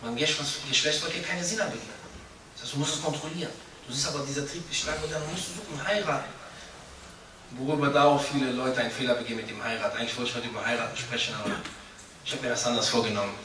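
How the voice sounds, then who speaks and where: A man's voice: mid-range voice, steady tone, racing, noisy background. A young man giving an informal, chatty sermon, joking and acting out little scenes as he preaches. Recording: echoey room, voice from a distance.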